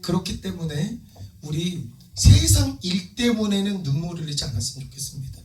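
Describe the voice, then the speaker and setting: Male pastor preaching hard, really high voice that swoops around, echoey church, mic kinda far off. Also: sing-song, moderate pace, darkish tone. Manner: fervent, emphatic preaching. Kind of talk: sermon. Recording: echoey room, distant mic, faint music.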